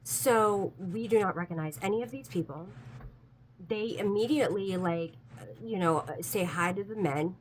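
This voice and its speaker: A woman's voice: mid-range voice, normal speed, slight background noise, poor audio. A woman telling a personal story in a casual, chatty way, full of "like" fillers, earnest about it being true.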